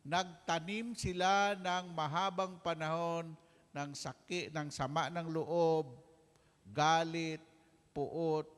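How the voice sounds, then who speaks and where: Animated preacher in a hall. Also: male voice, on the high side. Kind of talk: healing sermon.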